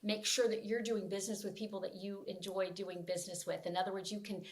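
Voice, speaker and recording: A woman's voice: mid-range voice, flat delivery, fast talker. A middle-aged woman from Florida, a longtime sales professional, talking as a podcast guest in an emphatic, enthusiastic way. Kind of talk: casual interview chat.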